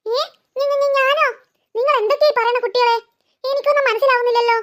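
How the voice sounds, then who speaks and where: A woman voicing a shrill, ranting cartoon mother. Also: quick pace, sharp tone. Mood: flustered. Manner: complaining, ranting lists of chores. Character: put-upon Malayali mother, defensive, long-winded scolder. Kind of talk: cartoon voice acting.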